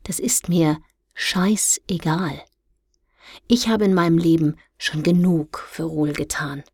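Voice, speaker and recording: A woman reading a storybook, voicing a loud, domineering male amusement park boss who booms and bosses people around. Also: moderate pace, dry recording, clean studio sound. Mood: bossy. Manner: booming, bossy, overbearing.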